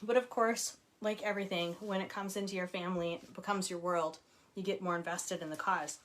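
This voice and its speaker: Brisk and steady in tone, her lowish voice belongs to a forties-aged author hosting an easygoing live chat at home. She's warm and talkative, reading comments from viewers aloud and frequently breaking into laughter.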